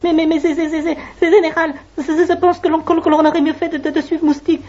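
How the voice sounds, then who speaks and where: A woman's voice: very high voice, little pitch movement, fast, dark tone, muffled recording. A woman voicing a timid, stammering male ant soldier who pleads in fear with his general. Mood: frightened.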